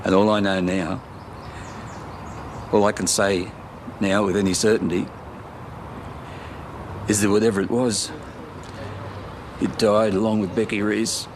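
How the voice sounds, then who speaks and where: An actor playing a remorseful Australian father haunted by his violent crime, speaking haltingly and with a heavy heart in a television drama. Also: on the low side, little pitch movement, noisy background. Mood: remorseful, pained. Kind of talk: naturalistic television drama acting.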